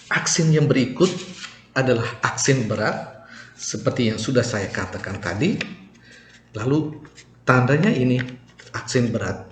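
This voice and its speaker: A man teaching a language lesson, patiently explaining and slowly repeating example words with clear stress. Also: medium pitch. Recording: echoey room, faint ambient noise.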